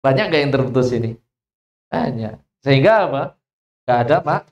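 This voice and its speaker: Javanese-accented recitation teacher, measured mid-pitched delivery, reverberant hall-like space. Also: animated, darkish tone, lo-fi sound. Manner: asks the listeners questions and answers them, stretches out example verses. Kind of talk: Quran recitation lesson. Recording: echoey room.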